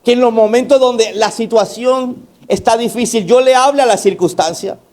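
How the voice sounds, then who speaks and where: Preaching at a normal speed, this pastor has a darkish male voice. His delivery is emphatic, shifting from loud to quiet, and he peppers the congregation with rhetorical questions and call-outs.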